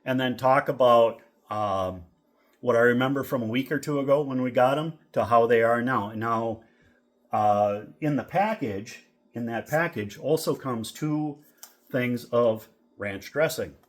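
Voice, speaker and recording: A middle-aged man from Minnesota casually reviewing food in a relaxed, rambling vlog with lots of fillers. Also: medium pitch, measured pace. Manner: rambling, easygoing, with many fillers. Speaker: vlogger.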